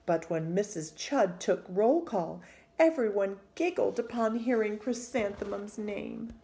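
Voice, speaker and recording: A woman reads a children's storybook aloud, her phrasing expressive and deliberate. Her voice is medium-pitched, and there's a little hiss or hum in the recording.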